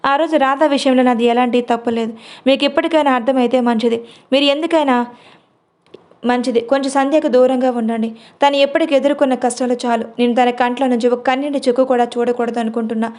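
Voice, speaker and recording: A woman's voice: sits high, fairly even intonation, fast talker, darkish tone, natural voice. A woman storyteller voicing a protective young man who comforts and then scolds in a storybook. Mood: angry. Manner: firm and scolding. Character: protective young man, tender but quick-tempered.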